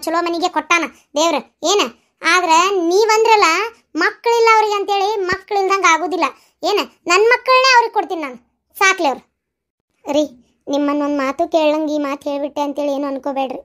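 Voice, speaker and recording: A woman's voice: extremely high pitch, quick pace, fairly bright tone. A woman voicing an earnest young married village woman in a cartoon, speaking with a North Karnataka Kannada accent and a rambling, pleading manner. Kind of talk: cartoon dubbing.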